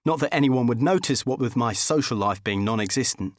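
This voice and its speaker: An Englishman narrates a comic audiobook in the first person, wry and dry. His pitch moves a lot over mid-range tones. The recording is close and dead, with no room sound. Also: animated, fairly quick, dry recording.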